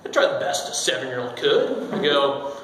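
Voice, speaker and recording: A man's voice: medium pitch, very animated, brisk, a bit bright. Joking young man in an echoey hall. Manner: joking, self-deprecating storyteller. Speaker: speaker giving a speech. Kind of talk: humorous personal speech. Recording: very echoey hall, faint noise.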